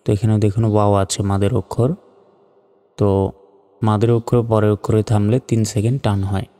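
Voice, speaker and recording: A man teaches Quran reading, spelling each letter carefully before chanting the verse slowly. His voice is low, mellow and smooth. It echoes with a long reverb over faint music. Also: little pitch movement. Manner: slow, careful letter-by-letter spelling with drawn-out recitation.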